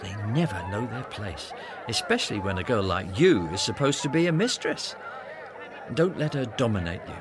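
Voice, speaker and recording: An actor playing Judas as a smooth-talking young man, coaxing and insinuating in a radio drama. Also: fairly low pitch, big pitch swings, normal speed, noisy background. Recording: radio play with music underneath.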